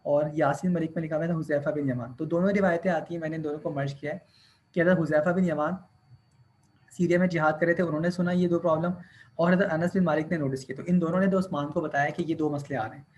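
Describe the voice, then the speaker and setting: A man's voice: a little high, fairly even intonation, quick pace, a little mellow. A man teaching a class, explaining step by step, counting points aloud and mixing English terms into his speech. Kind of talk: classroom lecture.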